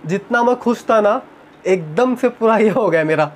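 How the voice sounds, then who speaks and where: Recorded on a tripod-mounted camera, this young vlogger chats casually at home and retells a story with animation. His voice is high-pitched at a normal speed, and there's slight background noise.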